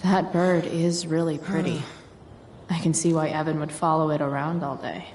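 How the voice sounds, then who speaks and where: Woman acting as low-voiced sardonic teenage rebel girl. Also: level tone, moderate pace, darkish tone, recorded from a distance, a little hiss or hum, natural voice. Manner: dry, sarcastic, hesitant, slangy. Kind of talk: video game voice acting.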